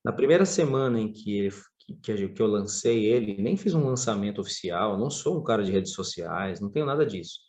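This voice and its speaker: Expressive man telling stories. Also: fairly low pitch, brisk, few pauses. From Brazil. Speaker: podcast guest, surf instructor. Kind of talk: casual interview talk.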